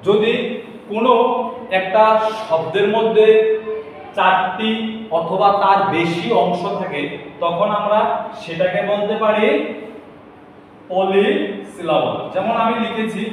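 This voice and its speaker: Slow, high-voiced man teaching in an echoey room. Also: fairly even intonation. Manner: slow, deliberate, spells out words letter by letter. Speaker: tutor. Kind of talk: spoken English lesson. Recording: echoey room from far off with faint background noise.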